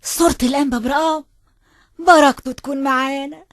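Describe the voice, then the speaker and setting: A woman playing a worried mother with an Egyptian accent, speaking in a gentle, comforting way. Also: high-pitched, fairly even intonation, quick pace, no echo, clean studio sound, close to an everyday voice. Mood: tender.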